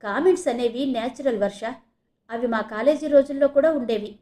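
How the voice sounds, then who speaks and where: A woman narrator voicing a gentle but firm female hostel warden giving advice. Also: fairly high pitch, brisk, close to an everyday voice. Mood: advising. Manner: soft, advising.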